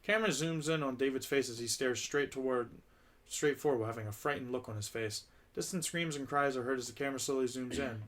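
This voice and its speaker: A man's voice: medium pitch, fairly quick, a bit bright. Man stumbling through a casual script read. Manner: stumbling, restarting lines often. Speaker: script reader.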